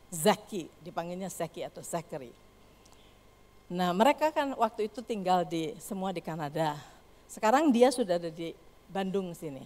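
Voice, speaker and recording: An older woman preaching a sermon, telling a story with animated, acted-out voices. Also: medium pitch. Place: church hall. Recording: long hall reverb.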